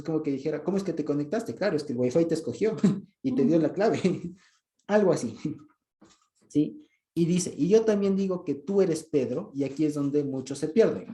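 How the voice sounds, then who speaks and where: A man with an Ecuadorian Spanish accent teaches from the Bible in a relaxed, conversational way, checking often whether his listeners follow and laughing softly. His voice is dark and mellow, sitting a little high for a man. The room around him is echoey. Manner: conversational, checks understanding often with short questions and soft chuckles. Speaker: preacher.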